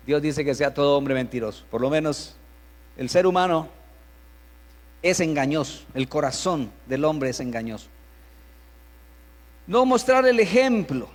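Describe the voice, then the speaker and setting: Male pastor, high-pitched, preaching in a sermon, acts out the parents' lines; long reverb, faint hum. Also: lively intonation, measured pace, long pauses. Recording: reverberant hall with mains hum.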